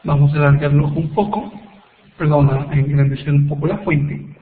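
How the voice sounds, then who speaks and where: A man teaching an online English grammar lesson, explaining slowly and patiently with repeated examples. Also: a little high, steady tone, a little hiss or hum. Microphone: computer microphone on a web call. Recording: echoey tinny web conference audio.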